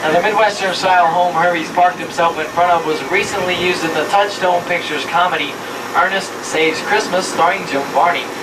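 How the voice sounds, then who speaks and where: A studio tour guide rolls through a well-worn memorized spiel, pointing out sights with the odd stumble. The voice sits far from the microphone, captured on an old VHS home video tape. A loud engine drone runs under every word. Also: medium pitch, background noise. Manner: steady memorized spiel with small slips. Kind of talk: recited tour narration. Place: open tram touring an outdoor studio backlot.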